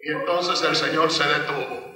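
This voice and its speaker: A man preaching a sermon at a men's retreat, slowly retelling a story and breaking into loud shouted cries. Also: on the high side, fairly even intonation. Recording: echoey hall from far off, congregation.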